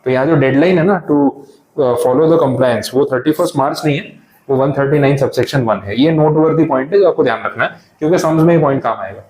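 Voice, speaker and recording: A man's voice: medium pitch, quick pace, a little mellow, rough recording. A male tax lecturer in a classroom, explaining step by step in English.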